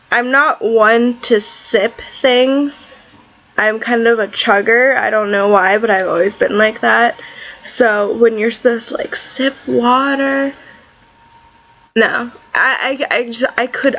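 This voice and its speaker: Higher-pitched woman, sore throat after tonsil surgery. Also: a bit bright, highs cut off. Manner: blunt, exasperated, emphatic. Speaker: vlogger. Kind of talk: casual personal video diary.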